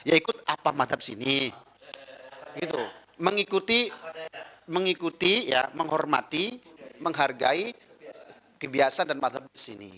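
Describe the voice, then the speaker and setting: An Indonesian man, an imam giving a religious study talk in a lively storytelling manner. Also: fairly high pitch, rough recording. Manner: lively storytelling, drops into other people's voices.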